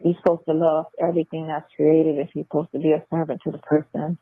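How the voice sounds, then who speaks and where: Talking fast in a low, breathy voice with little pitch movement, a woman makes a casual call on a tinny jail phone line. She is blunt, repeats phrases for emphasis, and there's no room sound.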